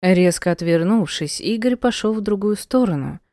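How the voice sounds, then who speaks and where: A woman narrating a first-person audiobook in a measured, emotional storytelling manner. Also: medium pitch, lively intonation, dark tone, no room sound, studio quality.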